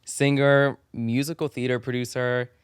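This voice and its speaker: A man's voice: medium pitch, flat delivery, moderate pace, clean tone, dry recording, clean studio sound. Chatty man hosting a podcast. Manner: effusive and chatty, uses slang. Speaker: podcast host. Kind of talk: casual interview chat.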